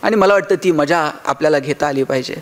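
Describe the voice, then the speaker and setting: High-voiced man giving a motivational talk. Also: fast. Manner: storytelling, acting out dialogue, rhetorical questions. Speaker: motivational speaker. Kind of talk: motivational speech with stories.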